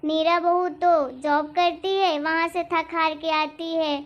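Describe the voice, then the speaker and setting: A kind, hardworking mother-in-law from a cartoon, voiced by a woman, talking in a gentle, patient, pleading way. The voice sits very high. The recording sounds dull and lo-fi. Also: little pitch movement, slow. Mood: firm. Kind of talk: cartoon voice acting.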